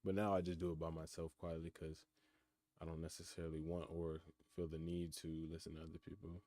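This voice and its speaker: A nineteen-year-old man on a live stream from his college housing room reads questions from chat and answers them in a laid-back, reflective way through his computer mic. His voice is rumbling and low, level and warm, with a brisk pace and a dry recording.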